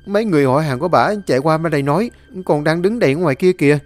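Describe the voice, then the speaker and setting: A man voicing a frightened young male servant who talks fast and breathlessly. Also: expressive, close to an everyday voice. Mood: panicked. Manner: breathless, fast and high-strung. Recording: faint music under the voice. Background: faint background music.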